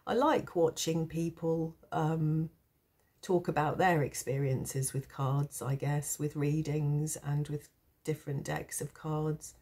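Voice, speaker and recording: Hosting a tarot channel, this woman rambles casually to the camera in a low, mellow voice made rough by a cold and sore throat. She takes her time, pauses often, and keeps a fairly even intonation. Her manner comes across as reflective, hesitant and gently self-deprecating.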